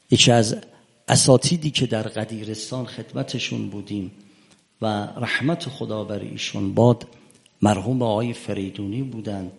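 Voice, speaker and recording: A man preaching a sermon, retelling a debate in quoted dialogue and rising to emphatic, loud peaks. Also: medium pitch, gravelly. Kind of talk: religious sermon storytelling.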